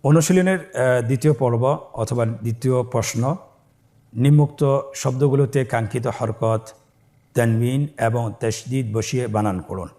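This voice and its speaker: A man's voice: mid-range voice, fairly even intonation, dark tone. A man teaching Quran reading, spelling out Arabic letters and vowel marks syllable by syllable and asking viewers to repeat after him. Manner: slow, drawn-out syllable-by-syllable spelling; addresses viewers, asking them to repeat along. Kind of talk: step-by-step recitation lesson.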